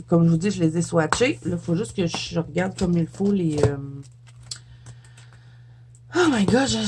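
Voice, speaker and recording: A woman's voice: mid-range voice, noisy background. A middle-aged woman with a Quebec French accent, chatting casually in a show-and-tell vlog, laughing often and tripping over her words. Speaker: YouTuber.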